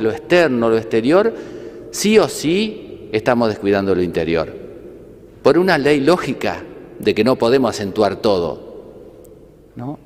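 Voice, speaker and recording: Male priest, relaxed homily with asides and dry humor, long church-hall reverb. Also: medium pitch. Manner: conversational, with asides and rhetorical questions; gently humorous.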